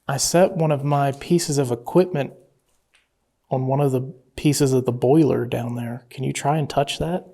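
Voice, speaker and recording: A paranormal investigator calmly coaxing and questioning an unseen presence during a night investigation. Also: mid-range voice, normal speed, creaky.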